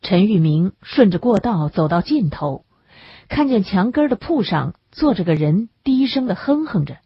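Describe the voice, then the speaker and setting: A woman narrating an audiobook in a measured, even storytelling manner, recorded close on the mic. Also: mid-range voice, slightly rough, no echo. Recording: dull lo-fi recording.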